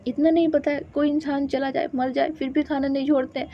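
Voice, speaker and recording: A woman voicing a fiery, protective young woman who scolds loudly, on a dull lo-fi recording with faint hiss. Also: fairly high pitch, flat delivery, fast talker, lightly acted. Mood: scolding. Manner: scolding, raises voice sharply.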